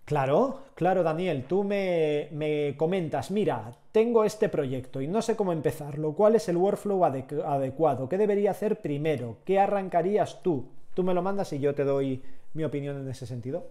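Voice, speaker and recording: Streaming from a small room at home, a Catalan 3D sculpting instructor from Spain works while casually chatting and responding to viewers. His voice is fairly high in pitch, and he speaks at a moderate pace.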